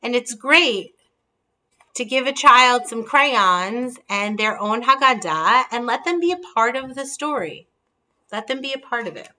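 A woman's voice: fairly high pitch, expressive, unhurried, pushed and bright. A woman in her thirties hosting a casual video call from her dining room, explaining and showing books as she talks. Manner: friendly, holds up books while explaining. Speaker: host presenting holiday table ideas. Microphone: video call on laptop camera.

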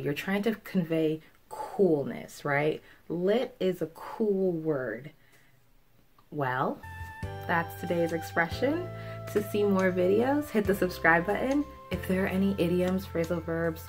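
A woman hosting an English lesson video, explaining a slang word in a patient, friendly way. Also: on the low side. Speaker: English teacher and host.

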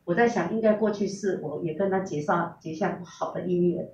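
A woman's voice: lowish voice, fairly quick, a little mellow, a little hiss or hum. Middle-aged woman, sincere testimony, mic set back in a reverberant room. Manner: earnest, recounting with quoted dialogue. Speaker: testimonial speaker. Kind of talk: personal testimony, storytelling. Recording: roomy, distant, dull recording.

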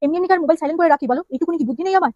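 A woman's voice: sits high, rapid-fire, mellow, no echo, dull audio, close to an everyday voice. A woman voicing a harried husband who keeps making defensive excuses in a comedy skit. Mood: pleading. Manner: pleading, defensive.

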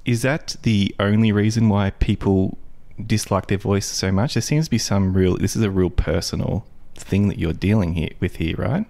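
A man's voice: on the low side, moderate pace, creaky, dark tone. A man hosting a podcast interview, friendly and often restarting his questions. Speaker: podcast host.

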